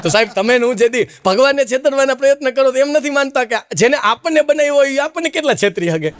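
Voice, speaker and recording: A man's voice: very high voice, lively intonation, fast talker. A man telling a comic afterlife joke on stage as a stand-up comedian. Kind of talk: stand-up storytelling.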